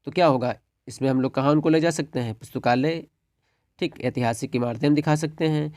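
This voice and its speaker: A man works through a solved exam paper for his students, reading each answer as a list and checking in with them after every point. His voice sits at a middle pitch and is recorded close and dry, with no room sound. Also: brisk, darkish tone, dry recording. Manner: repeats "dosto" and "theek hai", reads answers as dictated lists. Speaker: exam tutor. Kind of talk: exam paper walkthrough lesson.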